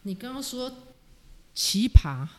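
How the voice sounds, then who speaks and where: Middle-aged woman, Taiwanese Mandarin accent, animated storyteller, laughs a lot, self-mocking, casual interview guest. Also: on the high side, slow. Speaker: guest, music teacher.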